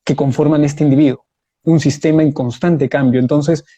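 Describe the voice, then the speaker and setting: A man's voice: a little high, fairly even intonation, dark tone. A man answering in a live online debate over a video call, explaining his view step by step with examples. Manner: measured, explanatory, uses examples. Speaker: debate guest.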